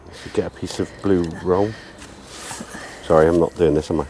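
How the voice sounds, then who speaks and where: A man's voice: low-pitched, fairly even intonation, fairly quick, dark tone, a little hiss or hum. A man helping in the garage who makes dry, teasing comments in casual chat.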